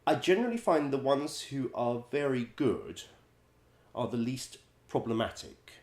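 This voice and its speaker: A man, a musical director and vocal coach, telling wry stories in a chatty way, laughing often and filling pauses with ums. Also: mid-range voice, very animated, a little mellow, reverberant. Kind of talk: casual anecdote-telling.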